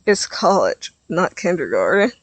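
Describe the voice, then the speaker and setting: A man's voice: high-pitched, very animated, a little slow, no room sound, highs cut off, full character voice. A man voicing an irritable teenage boy who talks curtly and dryly in a storybook reading. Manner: curt and dry, snapping when annoyed. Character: moody, irritable teen boy about to graduate.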